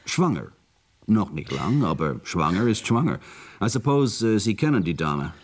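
A fairly low, slightly breathy male voice with big pitch swings, at a moderate pace. He's acting in a radio drama as a cynical industrial spy, mocking throughout and mixing English phrases into German.

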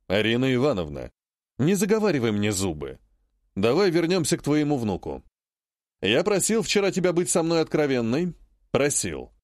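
A man's voice: medium pitch, sing-song, moderate pace, a little mellow, no room sound, lightly acted. A man reading an audiobook, voicing a stubborn, sarcastic emperor who talks in a dry, unyielding way.

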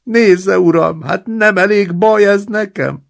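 A man's voice: high-pitched, gravelly, voice pushed up. A man voicing a self-pitying old male hospital patient who pleads, wails and makes demands. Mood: wailing.

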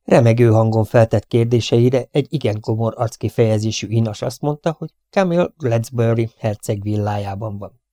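A man's voice: medium pitch, dark tone, no room sound. Man reading an audiobook, dry and close. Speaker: audiobook reader. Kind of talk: scripted narration.

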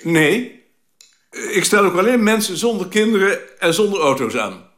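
A man's voice: high-pitched, very animated, moderate pace, a bit bright. A man narrating a radio drama and speaking as its lead character, in a wry, understated way.

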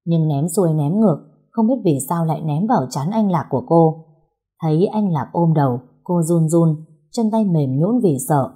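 Woman storyteller, scripted narration, steady reading, low pitch, breathy. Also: moderate pace.

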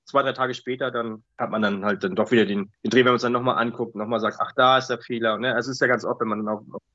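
A middle-aged audio drama author answers interview questions casually, rambling, repeating his words, and often tagging sentences with "ne." His mid-range voice is fairly even, fast, pushed, and bright, with no echo, though the audio is muffled and lo-fi.

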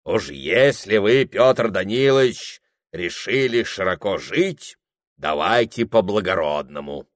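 A man's voice: sits low, animated, takes it slowly. A man voicing a dashing, flirtatious police officer with a gallant, giggling manner.

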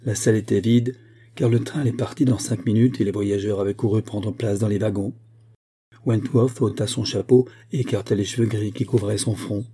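A man narrating a classic novel as an audiobook reader, in a measured, even storytelling manner. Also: fairly low pitch, slightly rough.

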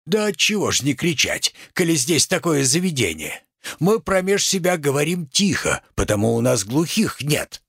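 A man's voice: a little high, big pitch swings, moderate pace, vocal fry, fairly bright tone, slightly rough, no echo, studio quality, exaggerated voice. A man reading a play aloud, voicing a shrewd, stubborn merchant who talks with sly, homespun deference.

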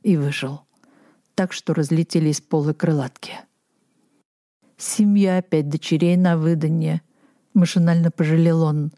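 Brief: woman audiobook narrator, low-pitched and unhurried, measured delivery. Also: steady tone, warm tone, dry recording, clean studio sound. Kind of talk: scripted literary narration.

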